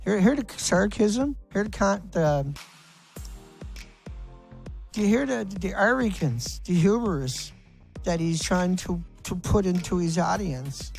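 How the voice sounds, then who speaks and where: Foul-mouthed ranting man, fairly high voice. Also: animated, slow pace, vocal fry, pauses often, faint music behind. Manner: angry, mocking, swears constantly. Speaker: host. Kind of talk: profane ranting commentary.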